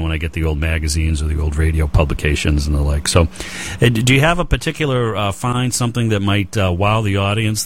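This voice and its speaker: A man's voice: sits low, a little hiss or hum. A man with a Boston accent hosting a radio hobby show, chatting loosely with many fillers and restarts. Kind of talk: casual interview chat.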